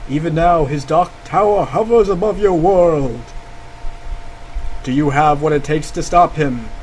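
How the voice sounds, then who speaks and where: A man acts out a solemn adventure game narrator calling on a hero. The delivery is slow, drawn out and dramatic, in a fairly high male voice. A fan whirs faintly behind it. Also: darkish tone, a little hiss or hum, rough recording.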